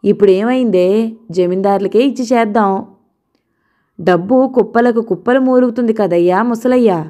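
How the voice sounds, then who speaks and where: A woman voicing a fiery, sharp-tongued old grandmother who scolds and curses. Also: a little high, moderate pace, lightly acted. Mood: teasing. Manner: scolding, sarcastic, heaping curses.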